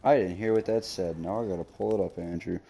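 A man's voice: low-pitched, fairly even intonation, quick pace, vocal fry, warm tone, husky. Joking man chatting while gaming. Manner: joking, laughs often, crude. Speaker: streamer. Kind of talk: casual gaming chat.

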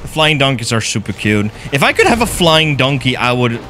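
In a medium-pitched, fairly quick voice, a young man from the Netherlands with a Dutch accent provides live gameplay commentary from his gaming room. He's excitable, curses freely, and reads out chat to his viewers, with slight background noise present.

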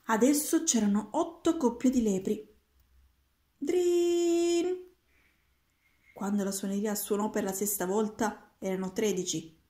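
A woman reading a children's book aloud in a steady, gentle manner. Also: medium pitch, moderate pace. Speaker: reader. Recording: roomy echoing room.

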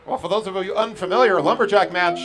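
A man calling a wrestling match as play-by-play commentator, in an energetic, excitable manner. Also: high-pitched, quick pace, faint music behind, a faint crowd.

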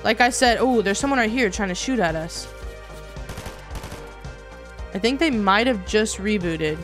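A woman giving excited gameplay commentary in a hyped, slangy gamer-bro manner. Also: mid-range voice, a little slow, soft background music. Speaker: gamer, video host.

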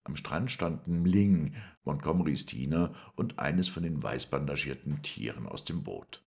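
Very deep, gravelly male narrator. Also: measured pace. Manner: dramatic, expressive reading. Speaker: audiobook narrator. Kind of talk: scripted first-person narration.

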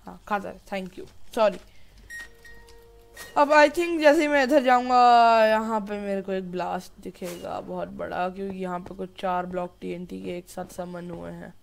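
A man's voice: sits high, steady tone, unhurried, vocal fry. A man giving casual gameplay commentary, chatty and apologetic, mixing English words into his talk. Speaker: gameplay youtuber.

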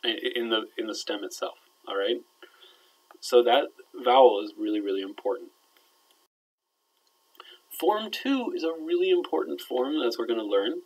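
A male teacher walks students through a grammar lesson in an explanatory, conversational way. He keeps checking that they follow, and his phrases sink quietly at the ends. His voice sits at an ordinary middle pitch. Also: expressive, normal speed, pauses often, low-quality recording. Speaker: Arabic teacher. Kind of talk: recorded grammar lecture.

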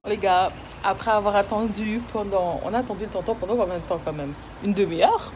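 A woman's voice: medium pitch, fairly quick, over music. A young woman, chatting playfully in a casual vlog and slipping English words in. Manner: playful, mixes in English words, swings from loud teasing to quiet talk. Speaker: vlogger.

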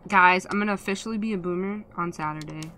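A woman's voice: fairly low pitch, quick pace, pushed and bright, a little hiss or hum. A woman in her twenties chatting casually while streaming a game, swearing freely and complaining dramatically. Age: 20s. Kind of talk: casual gaming chat.

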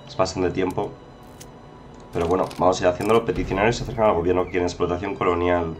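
A man's voice: low-pitched, steady tone, fast talker, faint music behind. A man giving chatty, casual commentary over a strategy game, often exclaiming and talking to viewers. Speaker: gameplay commentator.

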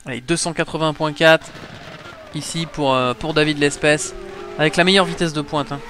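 A man works as a motorsport commentator, calling a sim race live in a slightly high voice. He explains things for viewers as he goes, with race car engines clearly audible behind him. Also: fairly even intonation, normal speed, a bit bright. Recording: clear background engine noise.

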